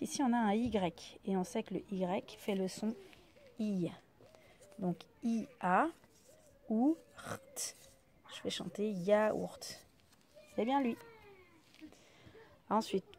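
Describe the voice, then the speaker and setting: A woman teaching a reading game, sounding out each letter slowly one by one in a step-by-step demonstration. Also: medium pitch, mellow.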